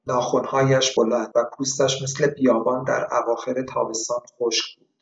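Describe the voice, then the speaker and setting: A man reading a short story aloud with measured, reflective narration. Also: medium pitch, flat delivery, vocal fry, recorded from a distance. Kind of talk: scripted narration. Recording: echoey room, dull lo-fi.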